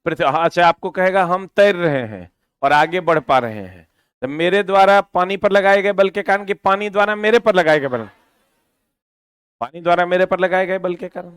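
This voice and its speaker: A man teaches a physics class, lively and forever firing questions back at his students. His voice sits high and smooth. The sound is dry and close, with no room in it. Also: moderate pace, no echo.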